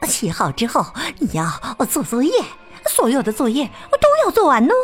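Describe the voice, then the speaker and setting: A woman voicing a clever young male sheep in a children's storybook, putting on a low, motherly voice to bargain. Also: huge pitch swings, moderate pace, faint music behind. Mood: mock-motherly. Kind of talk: storybook read-aloud.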